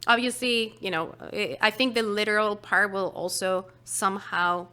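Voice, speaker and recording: A woman's voice: mid-range voice, steady tone, normal speed, sharp tone, smooth. A woman whose first language is not English, leading a casual business workshop in a chatty way with many fillers. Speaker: workshop facilitator.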